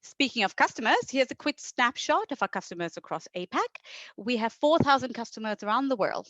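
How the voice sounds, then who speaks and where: A middle-aged Indian woman, a marketing executive appearing as guest presenter, gives an informal, keen conference talk. Her voice is on the high side, a bit bright, fairly quick, with lively intonation and no echo. The online presentation audio is close, dry, dull and slightly lo-fi.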